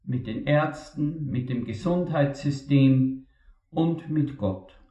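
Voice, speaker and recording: A man preaching a sermon, reading scripture in a slow, measured, solemn way. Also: mid-range voice, mellow. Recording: muffled, roomy recording.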